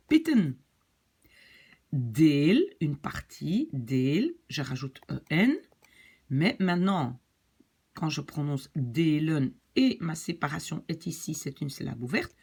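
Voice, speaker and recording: A woman's voice: low voice, gravelly, a little mellow, breathy edge. A woman teaching Dutch spelling as a language lesson, explaining rules step by step and often checking that her listeners follow.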